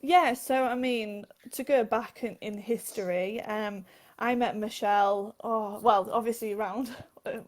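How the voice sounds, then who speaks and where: A woman's voice: a little high, steady tone, a little slow. A woman, answering interview questions earnestly and laughing now and then. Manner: earnest, laughs between phrases. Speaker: guest, author and advocate.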